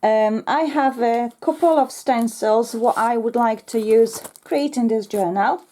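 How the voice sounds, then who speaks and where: A woman from Poland with a Polish accent, a slightly croaky voice and an earnest manner, hosting a crafting tutorial. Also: fairly high pitch, unhurried. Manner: warm, earnest, many fillers. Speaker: craft channel host.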